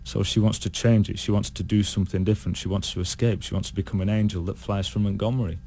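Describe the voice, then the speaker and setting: British guy, low gravelly voice, keeps restarting, kinda thoughtful. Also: steady tone, dark tone, slight background noise. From United Kingdom. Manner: thoughtful, halting with many restarts. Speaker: guest singer. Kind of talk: casual interview chat.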